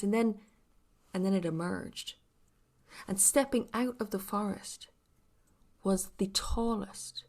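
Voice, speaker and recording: Lilting Irish woman storyteller with creaky voice. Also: a little high. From Ireland. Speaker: storyteller, podcast guest. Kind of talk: oral storytelling of a folk tale.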